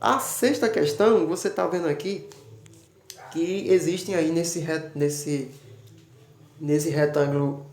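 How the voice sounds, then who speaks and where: A man with a Brazilian Portuguese accent, a teacher steadily explaining a worksheet and drawing out example words slowly. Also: on the high side, darkish tone. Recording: roomy echo.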